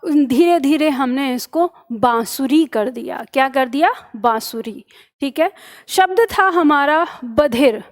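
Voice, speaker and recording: A young woman teaching an online exam-prep lesson, explaining step by step and repeating each answer back as a question. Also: high-pitched. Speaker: Hindi teacher.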